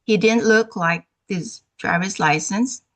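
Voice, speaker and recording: A woman caller asking a question over a call whose audio keeps breaking up and cutting out, talking in halting phrases with restarts. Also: mid-range voice. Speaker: caller, notary. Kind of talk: call-in question on a live online show.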